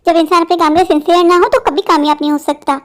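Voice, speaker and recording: Brief: a strict lecturing colleague, fast-talking and shrill-high, played by a woman. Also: fairly even intonation. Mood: scolding. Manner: scolding, lecturing. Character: strict bossy office woman, impatient. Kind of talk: cartoon voice acting.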